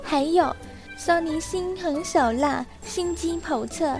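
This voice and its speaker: A woman's voice: very high voice, slow, darkish tone, soft background music, exaggerated voice. A woman voicing a petulant young concubine who gossips in a pouty, sing-song way. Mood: gossiping.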